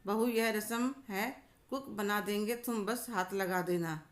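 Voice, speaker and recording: Woman voicing a gentle widowed mother-in-law. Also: medium pitch, a little slow, close to an everyday voice.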